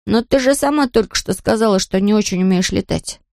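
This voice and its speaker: A woman's voice: medium pitch, a little fast, a little mellow, no room sound, clean studio sound, lightly acted. A woman reading aloud and voicing a young fox cub boy who is proud and touchy, grumbling as he talks. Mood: puzzled. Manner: gruff grumbling.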